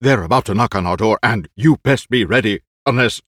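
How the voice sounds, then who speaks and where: A man's voice: lowish voice, brisk, fairly bright tone, no room sound, clean studio sound. A man performing a nervous, vain, aging Spanish stage actor who talks in theatrical, frantic outbursts. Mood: rambling.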